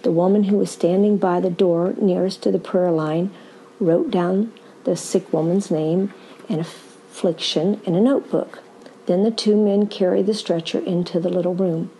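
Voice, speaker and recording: An older woman evangelist teaching in a slow, deliberate podcast sermon, with occasional fillers. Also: fairly low pitch, fairly even intonation, dark tone, a little hiss or hum, low-quality recording.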